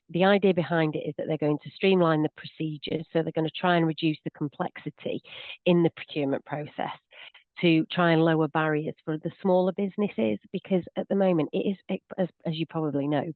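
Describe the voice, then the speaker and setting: Over dry, tinny video-call audio with no room sound, a low-voiced woman who has a slight cold explains a point of law during a webinar Q&A. As a solicitor, she keeps things chatty and self-deprecating, though she restarts often.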